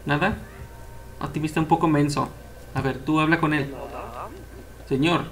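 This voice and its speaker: A young man giving casual, excitable let's-play commentary as he plays, cheering on the characters. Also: a little high, moderate pace. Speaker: gameplay commentator.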